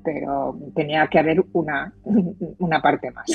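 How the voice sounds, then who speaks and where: A woman's voice: sits low, slow pace, vocal fry. A woman psychologist with a Spain Spanish accent explaining at length in casual chat, with frequent restarts. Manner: explanatory, many restarts, laughs easily. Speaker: psychologist guest. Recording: dull lo-fi dry audio.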